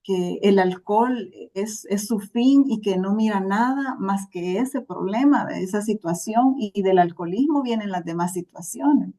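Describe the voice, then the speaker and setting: She talks unhurriedly, with hardly any pauses, in a dark, mid-range voice. A Salvadoran podcast guest from El Salvador, she reflects earnestly on her own life story.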